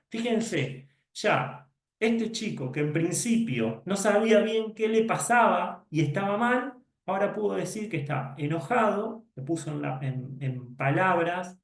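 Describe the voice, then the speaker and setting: A man gives a conference lecture as a psychologist, speaking in a somewhat high voice. He explains step by step and slips into little acted dialogues, correcting himself as he goes. The sound carries a noticeable room echo. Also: creaky.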